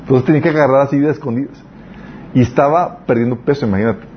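Male preacher, earnest, chatty sermon with personal stories, mid-pitched, dull lo-fi recording, faint hiss. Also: fast.

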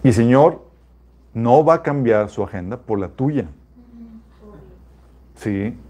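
A man's voice: medium pitch, animated, takes it slowly, mellow. A man giving an informal, conversational sermon built on personal testimony, calling his listeners "chicos" and breaking into laughter. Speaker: preacher.

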